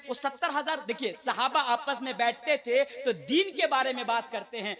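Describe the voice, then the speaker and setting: A young man from India preaches to a live gathering in a strikingly high voice. His tone is bright and cutting as he declaims with fervour. He keeps calling on the crowd to answer him. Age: 20s. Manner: impassioned, high-pitched declamation with call-and-response to the crowd. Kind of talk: sermon.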